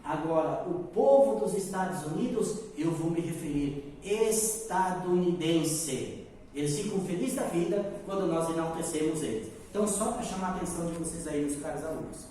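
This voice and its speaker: Man, from Brazil, geography teacher, slightly high voice, echoey roomy sound. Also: moderate pace, dark tone, slight background noise. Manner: explains step by step, often checks in with "tá, gente?". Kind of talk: recorded geography lesson. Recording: echoey room, mic far off.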